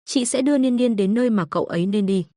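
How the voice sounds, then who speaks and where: A calm young woman exorcist who talks firmly yet gently, read by a woman narrator. The voice sits a little high and the recording is dry and close. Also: quick pace, no echo, natural voice. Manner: firm, gentle.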